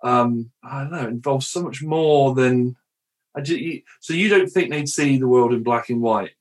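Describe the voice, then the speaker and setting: A man's voice: mid-range voice, moderate pace. A man hosting a podcast in casual conversation, chatty and jokey, wandering into rambling asides and laughing often. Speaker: podcast host.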